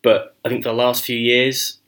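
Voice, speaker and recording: A man co-hosting a podcast, talking in casual, animated chat and swearing freely. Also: medium pitch, moderate pace. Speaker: podcast co-host.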